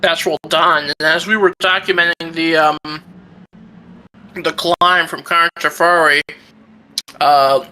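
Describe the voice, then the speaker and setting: A man's voice: on the high side, steady tone, a little slow, pauses often, bright, forceful tone, low-quality recording. A man co-commentating on a live motor race in an informal, conversational way. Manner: informal, conversational, joking asides.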